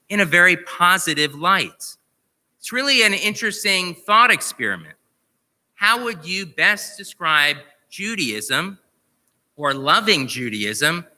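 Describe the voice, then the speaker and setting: A man, a rabbi, giving a sermon, telling a story in a measured, conversational way. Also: a little high, pushed and bright. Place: large sanctuary. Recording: reverberant sanctuary on live stream.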